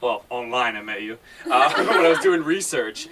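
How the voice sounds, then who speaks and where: A man's voice: medium pitch, expressive, moderate pace, far from the mic, heavy background noise. A man hosting a radio interview in a casual, playful way, laughing often. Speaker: radio host. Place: radio station lounge.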